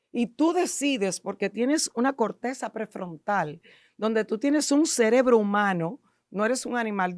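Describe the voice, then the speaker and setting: A woman's voice: mid-range voice, a little mellow, no room sound, studio quality. A middle-aged woman with a Dominican accent, a guest expert explaining emotions in an emphatic, lecturing way full of rhetorical questions. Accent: Dominican Spanish. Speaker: guest expert in neuro-linguistic programming. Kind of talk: podcast interview explaining to an audience.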